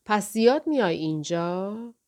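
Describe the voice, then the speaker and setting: A woman reading as a calm, reserved café waitress. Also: medium pitch, lightly acted. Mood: composed. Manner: composed, polite, matter-of-fact. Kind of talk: audiobook character voice.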